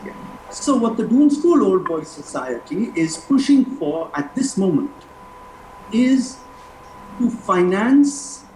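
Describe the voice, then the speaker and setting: A man making an emphatic, measured argument as a panel guest, pausing deliberately. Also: high voice, a little mellow. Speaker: panel guest, school alumni representative. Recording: roomy, noisy remote call audio.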